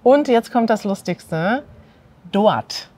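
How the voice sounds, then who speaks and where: Taking it slowly in a mid-range voice, a northern German woman in her thirties hosts a language lesson in standard German. She's clear and animated while prompting her guest to echo words, recorded outdoors in a courtyard beside an ivy-covered wall.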